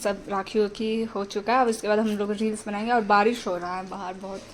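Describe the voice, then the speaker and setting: A woman's voice: mid-range voice, steady tone, brisk. A young woman vlogger chatting casually and rambling through a family story. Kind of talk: casual family vlog narration. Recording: faint background noise.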